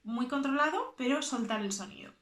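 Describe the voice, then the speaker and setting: A woman from teaching a choir vocal lesson, explaining technique slowly and demonstrating sung exercises and animal sounds. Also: high-pitched, animated, reverberant, heavy background noise.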